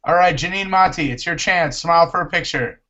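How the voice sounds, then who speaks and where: A playful man hosts a casual live chat show and jokes with his guests. His voice sits fairly high. The audio is muffled, with a faint hiss under it. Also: fairly quick. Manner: playful, jokey, calls out guests. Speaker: host.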